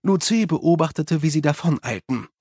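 A man narrating an audiobook in an even, understated delivery. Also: on the high side, normal speed, slightly rough, no echo, studio quality. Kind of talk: scripted narration.

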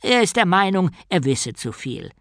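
A man's voice: high voice, big pitch swings, moderate pace, fairly bright tone, dry recording, studio quality, voice pushed up, exaggerated voice. A man voicing a cheerful old male philosopher with a wry, jovial way of talking in an audiobook. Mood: explaining.

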